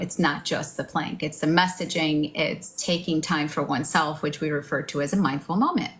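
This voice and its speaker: A woman with a slightly low voice co-hosts a live online talk show. She chats casually and encouragingly, addressing her listeners directly. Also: a bit bright, slight background noise.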